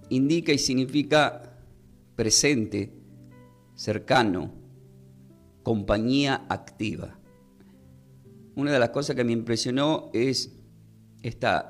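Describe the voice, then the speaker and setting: A man preaches a sermon at a mid pitch. He talks in a measured way and slows down to stress key words. Faint instrumental music plays softly behind him.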